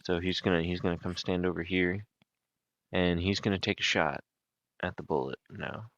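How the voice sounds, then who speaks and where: Deep-voiced joking game master, man. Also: steady tone, normal speed, fairly bright tone, lo-fi sound. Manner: hesitant, full of ums, joking sports-style commentary. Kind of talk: narrating a tabletop game.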